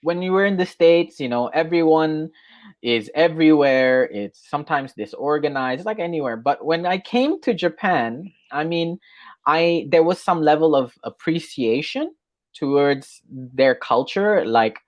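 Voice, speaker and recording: A man's voice: fairly high pitch, lively intonation, unhurried, no echo, dull audio. A man from Australia working as an English tutor, chatting casually in an online lesson, agreeable and full of fillers and restarts. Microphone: video call.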